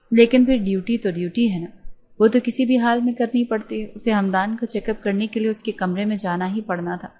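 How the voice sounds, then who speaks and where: A woman storyteller reads a romance novel aloud at a steady pace, expressive but even. Her pitch sits in a middle range for a woman.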